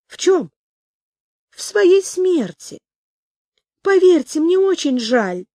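Woman doing a gentle little boy rabbit. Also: extremely high pitch, no echo, studio quality, voice pushed up, heavily acted. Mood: calm sorrow. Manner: soft, slow and steady. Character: small calm young male rabbit, gently sorrowful.

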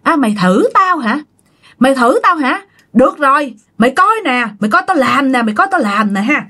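A woman's voice: high-pitched, animated, fast talker, fairly bright tone, pitched above the performer's own voice. A woman with a Southern Vietnamese accent voicing a possessed man who taunts the people around him. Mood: taunting.

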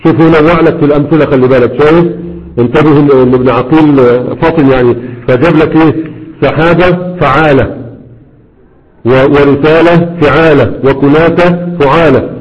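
A man's voice: a little high, fairly even intonation, brisk, lo-fi sound. A man with an Egyptian Arabic accent teaching a grammar lesson to students, repeating patterns and often checking they understand.

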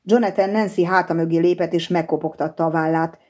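A woman reading an audiobook novel in an even, measured narration. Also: fairly low pitch. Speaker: audiobook reader.

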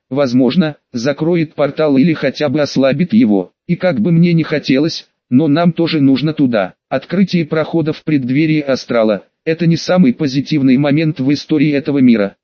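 A man reads a fantasy audiobook in the first person, telling the story in a steady, matter-of-fact way. His voice sits a little high for a man. The recording is dull and lo-fi, with a dry, close sound. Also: no room sound. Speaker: audiobook narrator.

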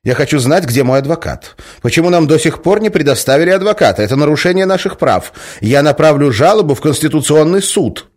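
A man's voice: fairly high pitch, lively intonation, brisk, few pauses, a little mellow, voice pushed up. A man voicing an indignant woman prisoner who makes formal demands. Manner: prim, demanding.

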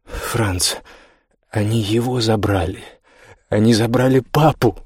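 Brief: male reader doing a tearful, pleading young woman, husky. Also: fairly low pitch, takes it slowly, darkish tone, dry recording, clean studio sound. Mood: desperate. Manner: pleading, tearful, breaking into cries. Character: frantic young woman hiding a friend. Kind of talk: audiobook character voice.

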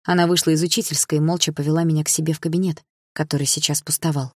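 Woman, audiobook narrator, first person, calm, measured, low voice, dry. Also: no echo.

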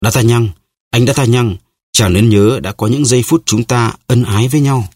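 A man's voice: low voice, sing-song, fast, a bit bright, breathy edge, dry recording, clean studio sound, heavily acted. A man reading an audiobook, voicing a desperate cursed noblewoman who pleads for her life in a wailing voice. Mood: pleading.

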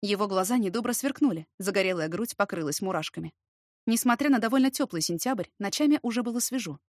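A woman reading a novel aloud as a first-person narrator, steady and expressive. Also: medium pitch, fast talker, no room sound, clean studio sound. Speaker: audiobook narrator.

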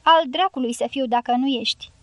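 A woman's voice: high voice, no room sound, lightly acted. A woman reading the part of a resolute young male dynamiter in an audiobook, speaking firmly and steadily.

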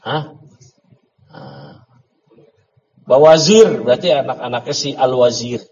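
A man's voice: mid-range voice, slow pace, darkish tone. Chatty man teaching in a reverberant hall. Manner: chatty, joking asides, quizzing students. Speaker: teacher of an Arabic grammar class. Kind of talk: casual classroom lesson. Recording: dull lo-fi audio with long reverb and faint noise.

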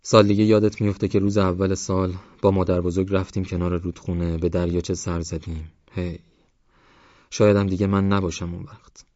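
A man's voice: low-pitched, little pitch movement, darkish tone, dry recording, dull audio, lightly acted. A man voicing a caring, protective old village grandmother in an audiobook, talking in a fussing, cautioning way. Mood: tender.

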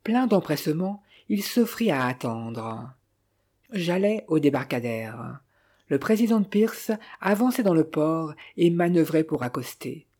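A reader voicing a cheerful, idle young man who teases his father and recounts his day, in a low, husky, mellow tone. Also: very animated, measured pace. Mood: recounting. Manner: cheerful, teasing, casually recounting.

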